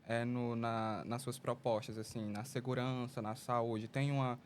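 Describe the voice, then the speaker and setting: A man interviewing a guest in a studio, asking halting questions with restarts. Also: mid-range voice, flat delivery, slight background noise. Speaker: podcast interviewer.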